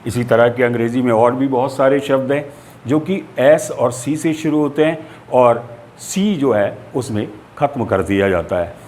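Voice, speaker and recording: A man's voice: medium pitch, moderate pace, darkish tone, a little hiss or hum. A man teaching a lesson, explaining spellings steadily and spelling words out letter by letter.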